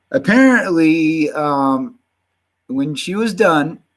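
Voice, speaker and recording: A man in his fifties chats on a livestream in an unhurried, meandering way. His speech carries a faint Southern drawl. He pads his sentences with fillers and often trips into restarts as he goes. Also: on the high side, rough recording. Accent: slight Southern drawl. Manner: halting, full of fillers and restarts. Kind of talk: casual rambling chat.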